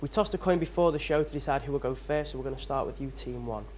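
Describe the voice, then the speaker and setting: A man's voice: medium pitch, fast talker, darkish tone, slight background noise. A young man hosting a staged quiz show, with upbeat, teasing presenter patter. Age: young adult.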